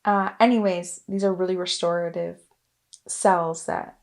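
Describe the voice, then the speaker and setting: A young woman telling a personal story in a casual, chatty way, full of "like" and "um", with soft asides. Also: fairly low pitch, fairly even intonation, measured pace. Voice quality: creaky fry voice. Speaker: wellness vlogger.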